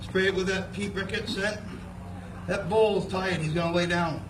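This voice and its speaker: A man's voice: high voice, steady tone, normal speed. A man telling a humorous, folksy hunting-style yarn at an outdoor fair, as in a moose call contest. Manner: folksy, second-person yarn-spinning. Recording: distant, echoey, noisy outdoor fair recording.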